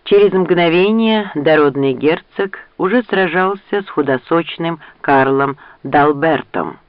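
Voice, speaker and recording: A man's voice: on the high side, a little slow, smooth, no echo, highs cut off. Man narrating an audiobook, dry close sound. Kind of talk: scripted narration.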